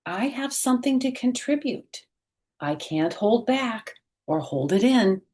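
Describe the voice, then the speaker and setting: A middle-aged woman reads a picture book aloud to children with gentle expressiveness, stopping now and then to explain things straight to her young audience. Her voice is a little high, animated, and slightly rough.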